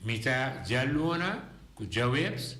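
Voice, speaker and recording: A man with a Bonaire accent, a singer guest in a radio interview, talking haltingly and repeating his words often. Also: medium pitch, lively intonation, bright, forceful tone, roomy sound.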